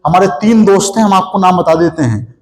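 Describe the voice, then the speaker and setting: A young man with a sore throat teaches physics in a hot, unair-conditioned studio with a board, his high voice lively in intonation and fairly quick. The room is echoey. He lays things out step by step, asking students questions and then answering them himself.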